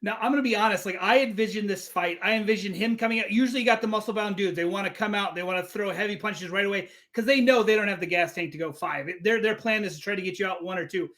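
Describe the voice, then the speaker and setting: A man's voice: high-pitched, fast talker, few pauses, a bit bright. A man hosting a casual interview, chatty and rambling, full of "like" and restarts. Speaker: interview host.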